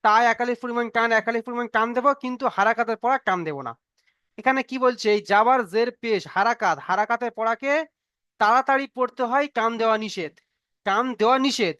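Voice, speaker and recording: A man's voice: extremely high pitch, quick pace, bright, forceful tone, clean tone, no echo. Patient, dry-voiced male Quran reading teacher. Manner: patient and repetitive, checks understanding with frequent questions. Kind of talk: online Arabic reading lesson.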